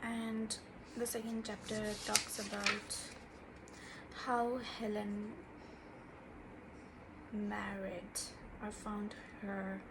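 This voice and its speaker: A woman with a Bengali accent chatting casually about a book, halting as she searches for words and rather self-deprecating. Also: mid-range voice, flat delivery, noisy background. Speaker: book reviewer. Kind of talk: casual unscripted book chat.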